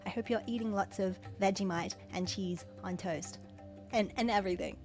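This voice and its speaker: A woman hosting a casual livestream, excitedly thanking viewers and stumbling over her words. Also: medium pitch, moderate pace, faint music behind. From Australia. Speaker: livestream host.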